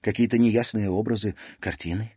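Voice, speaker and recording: A man's voice: lowish voice, fairly quick, darkish tone, husky, no echo, clean studio sound, voice pushed up. A man voicing a guarded young seer girl. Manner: terse, guarded, snaps when pressed.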